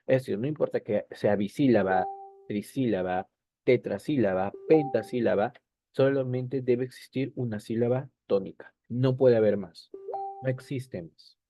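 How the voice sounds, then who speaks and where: A man's voice: medium pitch, normal speed, mellow. A male teacher explaining a lesson over slides, repeating key points and checking in with short tag questions.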